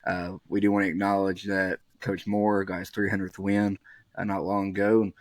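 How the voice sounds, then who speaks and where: Low-voiced man hosting a podcast, dry sound. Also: level tone, normal speed, no echo. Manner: friendly and rambling with many fillers. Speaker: podcast host. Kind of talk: casual interview chat.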